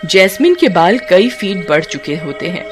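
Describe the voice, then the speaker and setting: A woman's voice: fairly low pitch, lively intonation, normal speed, soft background music. A woman narrating a scripted horror story with dramatic delivery, voicing the characters herself. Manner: dramatic, voices several characters.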